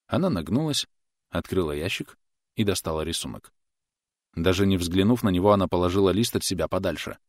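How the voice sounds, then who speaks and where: Deep-voiced male audiobook narrator. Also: animated, a little fast, dry recording, clean studio sound. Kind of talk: audiobook reading.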